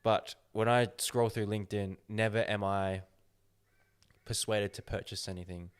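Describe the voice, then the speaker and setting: A man hosting a casual podcast chat, talking slowly and deliberately as he gives his opinions. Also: lowish voice, steady tone, smooth. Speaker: podcast host.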